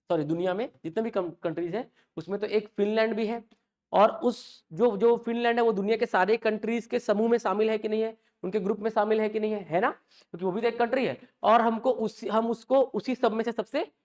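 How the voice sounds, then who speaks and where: A male English teacher, lecturing a class and repeating each point as a question and answer. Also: high-pitched.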